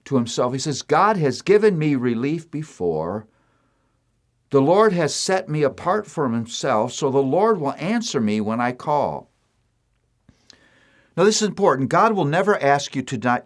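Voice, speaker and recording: Man, pastor, devotional sermon, mid-range voice, earnest, emphatic, measured scripture reading. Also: medium pitch. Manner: earnest and emphatic, with deliberate pauses and repeated key lines; reads scripture aloud in a measured cadence.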